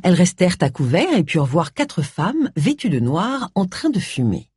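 Husky, expressive woman narrator. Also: fairly low pitch, moderate pace, dry recording, clean studio sound. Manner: expressive storytelling. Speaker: audiobook narrator. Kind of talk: audiobook narration.

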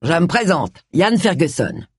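Reader voicing a curt fifty-something Scottish pastor, husky, cold, clipped. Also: medium pitch, sing-song, unhurried, no room sound, clean studio sound. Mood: polite.

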